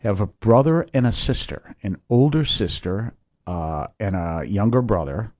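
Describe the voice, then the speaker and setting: Older male priest, low reflective voice. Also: expressive, normal speed, a little mellow, dry recording. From Massachusetts. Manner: reflective, hesitant with fillers. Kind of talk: conversational interview.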